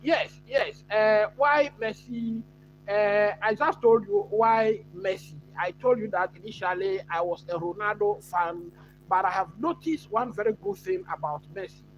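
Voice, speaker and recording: A man from Ghana hosting a live football watch-along, chatting casually and answering viewers with many pauses and fillers. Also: sits high, muffled recording, a little hiss or hum. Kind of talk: live stream football chat.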